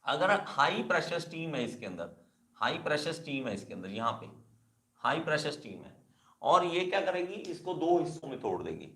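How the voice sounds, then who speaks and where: A man's voice: fairly high pitch, big pitch swings, normal speed, pushed and bright, echoey room. A male engineering teacher giving a classroom lecture, repeating key terms and calling his students kids. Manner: repetitive, addresses students as kids.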